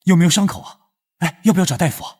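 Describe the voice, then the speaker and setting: A man's voice: sits high, rapid-fire, slightly rough. An actor playing an anxious male house steward who is fussing and dutiful. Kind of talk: TV drama acting.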